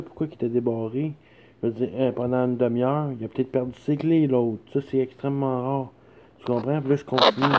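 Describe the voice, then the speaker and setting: Quebec guy pleading, rambling and insistent, very dark mellow voice, keeps asking if you get it. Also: mid-range voice. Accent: Quebec French. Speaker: son speaking to his mother. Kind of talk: emotional personal plea.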